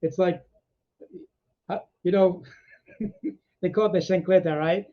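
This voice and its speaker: A male meditation host chatting with his group on a video call, effusive and energetic. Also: sits high, slow pace. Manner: energetic, effusive, talks with laughs. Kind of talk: casual group chat after a meditation. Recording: slightly muffled video call audio.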